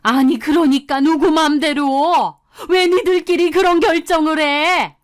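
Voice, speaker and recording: A woman's voice: on the high side, measured pace, close to an everyday voice. A woman voicing an angry older mother-in-law in an audiobook story, scolding in indignant outbursts. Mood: furious. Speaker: narrated story character.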